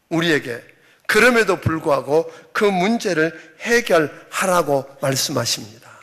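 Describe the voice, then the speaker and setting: A man's voice: sits high, a bit bright. A middle-aged man preaching a sermon as senior pastor, emphatic, often acting out quoted voices.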